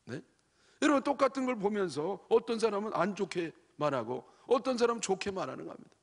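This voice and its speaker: A man preaching a sermon as a pastor in a church, animated and often prompting the congregation with short questions. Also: high voice, brisk. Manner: acts out quoted churchgoers in changed voices. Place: church sanctuary. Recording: long church hall reverb.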